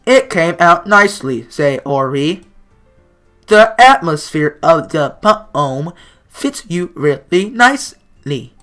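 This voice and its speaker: A man voicing a calm teenage girl who leads a club, reading her lines as a slow, mechanical robot in a visual-novel game. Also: fairly high pitch, soft background music, exaggerated voice. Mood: robotic.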